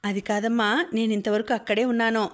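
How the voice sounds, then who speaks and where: A woman's voice: on the high side, little pitch movement, fairly quick, natural voice. A woman voicing an irritated, stubborn young woman who answers back snappily, in an audiobook.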